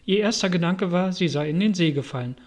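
A narrator reading a storybook aloud in a calm, even storytelling manner. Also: medium pitch, a little fast. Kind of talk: audiobook narration.

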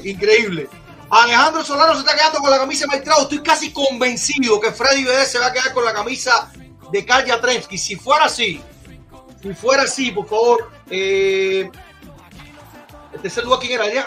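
A man hosting a casual live-stream chat, excitable and exclaiming, often repeating his phrases. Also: very high voice, normal speed, soft background music. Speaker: podcast host.

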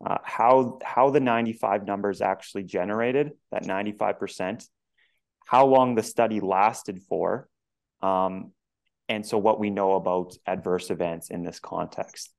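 A man co-hosting an interview, his voice going hoarse, laying out a long question with many fillers. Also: on the low side, moderate pace. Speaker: podcast co-host. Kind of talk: conversational interview.

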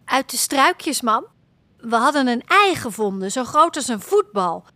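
A woman voicing a small, eager boy in a children's audio story, talking gently and hopefully. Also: sits high, sing-song, a little slow, dry recording, exaggerated voice. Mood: earnest. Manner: gentle, hopeful, whispers softly at times.

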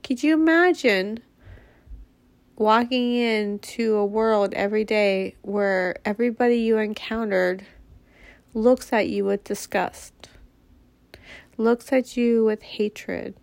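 Nasal and sniffling from a cold, this woman hosts her podcast as a blunt, candid monologue, swearing freely along the way. She speaks slowly at a medium pitch, with vocal fry and long pauses, and the audio carries no room sound.

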